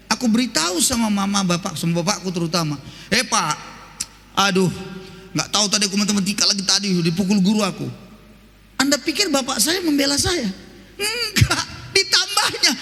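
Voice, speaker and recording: Man, pastor, sermon, lively swooping pitch, colloquial storytelling, reverberant church. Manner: animated, colloquial storytelling with rhetorical questions.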